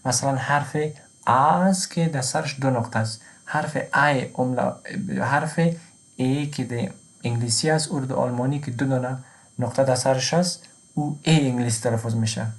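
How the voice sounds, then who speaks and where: A man with an Afghan Dari accent, teaching a slow language lesson who says each example word twice and then translates it. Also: mid-range voice.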